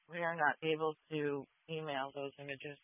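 A man's voice: fairly high pitch, level tone, normal speed. A man working as a police dispatcher, answering radio traffic in a terse, procedural way. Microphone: radio dispatch channel. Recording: dull, band-limited two-way radio audio.

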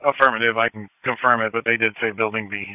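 A man's voice: on the low side, steady tone, quick pace, no room sound, narrow, tinny audio. Male radio dispatcher, dry and terse. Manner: procedural, terse acknowledgements. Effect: two-way radio. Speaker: police and fire radio dispatcher. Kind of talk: clipped radio dispatch traffic. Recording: dry two-way radio audio.

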